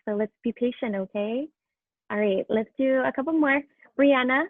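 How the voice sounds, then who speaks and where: This woman teacher's voice sits high and moves at a moderate pace, with no room sound behind it. She's moderating questions on an elementary class video call, speaking casually and encouragingly to what sound like young children, through tinny, phone-like audio.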